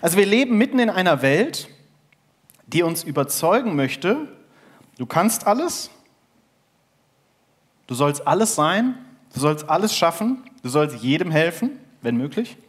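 A man's voice: on the high side, very animated, measured pace, long pauses. A man preaching a sermon in a conversational way, telling a parable and asking the audience questions. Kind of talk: sermon with storytelling.

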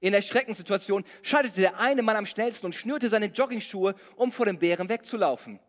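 A man's voice: sits high, fairly quick. A middle-aged man from Germany preaching a sermon, mixing scripture with humorous stories about his own life. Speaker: pastor. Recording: long reverb of a large hall.

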